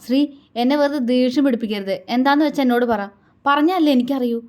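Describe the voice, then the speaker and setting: A woman's voice: medium pitch, a little fast, natural voice. A woman voicing a proud, hot-tempered young husband. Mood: angry. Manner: sharp, raised and scolding. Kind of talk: storybook reading.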